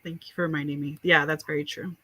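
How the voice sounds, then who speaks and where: A woman co-hosting a casual chat, quietly agreeing. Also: low voice, little pitch movement, fast, breathy edge, no echo.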